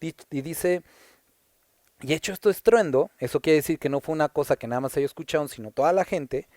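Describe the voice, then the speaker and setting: A man's voice: on the high side, brisk, darkish tone, dry recording, studio quality. A man from Mexico with a Puebla accent, a pastor teaching the Bible verse by verse in a conversational style, stopping to ask rhetorical questions. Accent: Puebla Mexican Spanish.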